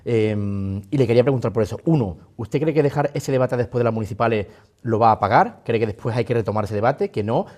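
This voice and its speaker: A man putting political questions as a television interviewer, in halting, measured phrases. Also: medium pitch, a little mellow.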